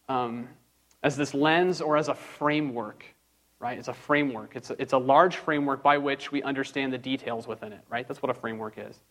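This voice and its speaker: A man teaching a church group in a relaxed, conversational way, with lots of fillers and quick asides. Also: mid-range voice. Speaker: pastor teaching a class. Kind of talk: casual sermon-style teaching.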